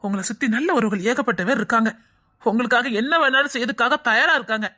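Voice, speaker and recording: A woman's voice: fairly high pitch, sharp tone. A woman playing a soothing woman doctor. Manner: slow, soothing, reassuring. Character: calm, encouraging woman doctor.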